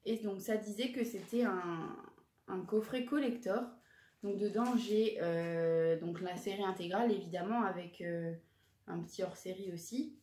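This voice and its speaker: This twenty-something vlogger, recorded in an echoey room, talks through what she bought in a relaxed haul video. She has a warm, mid-range voice and a measured pace, yet she's hesitant, often correcting herself and leaning on fillers.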